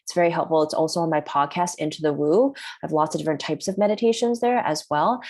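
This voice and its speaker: Talking fast with a deep, slightly mellow voice, this workshop host keeps things chatty and casual, leaning heavily on the word "like." She is a native speaker of Chinese.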